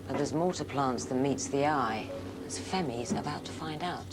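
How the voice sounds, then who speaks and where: An actress playing a hurried, advising woman aboard a machine in a scripted children's TV drama. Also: a bass voice, very noisy. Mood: thoughtful. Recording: loud music under the voice. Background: loud music.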